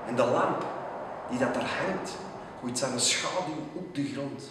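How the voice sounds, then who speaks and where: A man with an Antwerp Flemish accent giving a dramatic poetry recital, theatrical and drawn-out, dropping into hushed tones. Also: mid-range voice, background noise. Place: outdoors at a theatre entrance. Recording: echoey, distant, long reverb.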